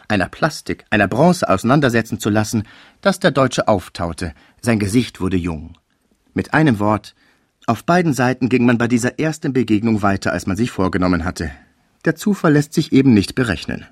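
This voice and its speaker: A man narrates a classic novel with a lower voice and a very animated, rising and falling delivery. The recording is close and completely dry, with no room around him. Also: no room sound. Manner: measured, expressive literary reading. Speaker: audiobook narrator.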